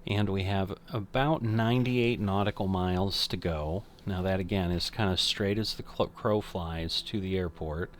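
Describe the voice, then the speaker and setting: A man's voice: deep voice, steady tone, normal speed, hardly any pauses, a little hiss or hum. An older man casually commenting on a flight simulator game, thinking aloud and correcting himself as he goes. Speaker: flight sim streamer.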